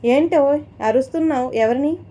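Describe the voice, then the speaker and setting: A woman voicing a calm middle-aged father who coaxes his daughter with soft questions. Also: sits high, moderate pace, close to an everyday voice. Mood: coaxing.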